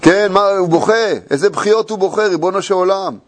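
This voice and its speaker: High-voiced man teaching a story. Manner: animated, rhetorical questions, repeats phrases. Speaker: Torah teacher. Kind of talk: expository lecture retelling a tale.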